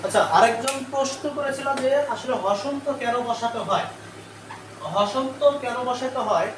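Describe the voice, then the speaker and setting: A man's voice: very high voice, moderate pace, far from the mic. A male teacher giving a live online grammar lesson. He keeps quizzing the class with repeated questions and then answers them himself. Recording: echoey room, away from the mic, faint noise.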